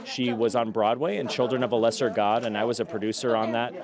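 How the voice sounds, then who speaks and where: A man's voice: medium pitch, steady tone, quick pace, a crowd in the background. A man speaking in a red carpet interview.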